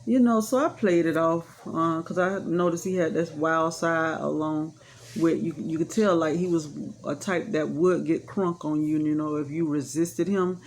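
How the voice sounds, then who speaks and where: A woman's voice: low-pitched, steady tone, normal speed, a little hiss or hum. Woman telling a story in rambling chat. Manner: rambling, full of "you know" fillers; frank and matter-of-fact about hard events. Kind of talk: casual personal storytelling.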